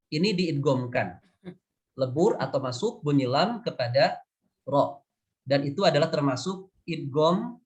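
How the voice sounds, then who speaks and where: A man explains recitation rules at a very slow, careful pace. His voice sits slightly high, and he repeats the key terms for emphasis. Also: a little mellow. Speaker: tajwid teacher and interpreter. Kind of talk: lesson explanation.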